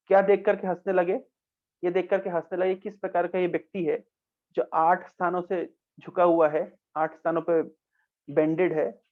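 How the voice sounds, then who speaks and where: Man telling a scripture story on a tinny line. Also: sits high. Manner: repetitive storytelling with quoted dialogue and Sanskrit verses. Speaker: spiritual teacher. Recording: tinny phone-like recording.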